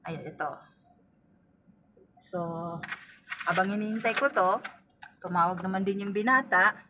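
A middle-aged woman with a mid-range voice tells stories at a measured pace in a casual vlog filmed inside a car. She is a vlogger and family driver who calls her viewers "guys" and acts out the dialogue. The distant mic picks up faint ambient noise.

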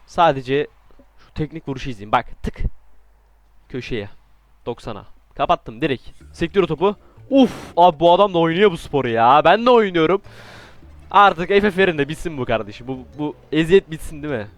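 Gaming commentator, male, higher voice, excitable and joking, faint music bed. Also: normal speed, no room sound. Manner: excitable, joking trash talk, sudden outbursts. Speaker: gaming YouTuber. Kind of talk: casual gameplay commentary.

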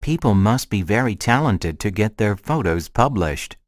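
A man's voice: on the low side, expressive, normal speed, no echo, clean studio sound, close to an everyday voice. A man acting a friendly character in a scripted language lesson dialogue, with careful short sentences. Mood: friendly, measured. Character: friendly man chatting about a shared hobby.

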